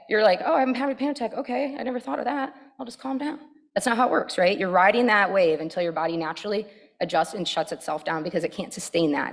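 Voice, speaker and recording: An energetic woman psychologist presents to a room of parents, her voice sitting a little low for a woman. She talks in a lively, conversational way and keeps checking in with her listeners as she explains. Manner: energetic, animated and quick to react; conversational, with frequent "right?" and "okay?" checks. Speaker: pediatric psychologist.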